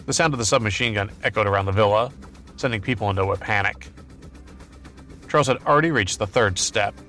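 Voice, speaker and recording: A man narrating an action novel as an audiobook in a steady, even storytelling voice. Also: fairly low pitch, a little fast, soft background music.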